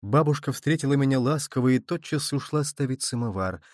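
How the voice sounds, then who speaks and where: A man reading a story aloud as an audiobook narrator, measured and even. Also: mid-range voice, no room sound, studio quality.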